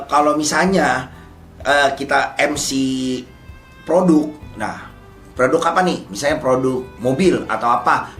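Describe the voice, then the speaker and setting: A man's voice: a little high, reverberant. A man, an MC, giving slangy, casual public speaking tips. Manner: loose slangy teaching, bursts into loud showy MC announcer demos. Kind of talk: casual instructional talk.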